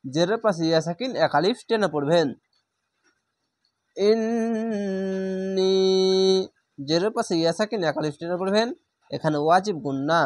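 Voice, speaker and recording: A man teaching Quran reading step by step. He draws each Arabic word out slowly, says it twice, then patiently explains how to pronounce it. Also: on the high side, lively intonation, no echo, soft background music. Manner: stretches Arabic words slowly, then explains the rules plainly. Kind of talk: step-by-step recitation lesson.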